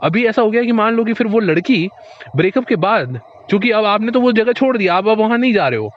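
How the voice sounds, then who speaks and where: A man's voice: high-pitched, lively intonation, brisk. Man giving casual advice, dull lo-fi sound. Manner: direct, repeats points, addresses the listener as a friend. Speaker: motivational speaker. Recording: dull lo-fi recording.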